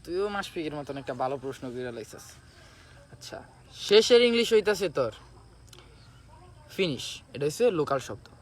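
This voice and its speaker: An actor playing a harsh, bossy English tutor in a comedy skit, scolding and bursting into shouted words. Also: male voice, a little high, very animated, brisk, pauses often. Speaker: teacher.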